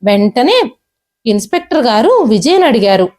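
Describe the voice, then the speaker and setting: A woman narrating a scripted moral story in a steady, even storytelling manner. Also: fairly high pitch, moderate pace.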